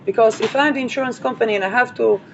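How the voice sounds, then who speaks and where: Hosting her astrology channel, this woman talks at a racing clip in a fairly high voice. Her delivery wanders off on tangents, full of fillers and playful side comments, over dull lo-fi sound with vehicles audible.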